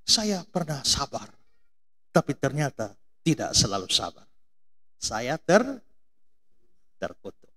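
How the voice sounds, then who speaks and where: A man's voice: mid-range voice, slow pace, pauses often. A middle-aged man from Indonesia preaching a sermon, telling stories and firing questions at the congregation. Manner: animated storytelling, mimics voices, asks congregation questions. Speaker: pastor.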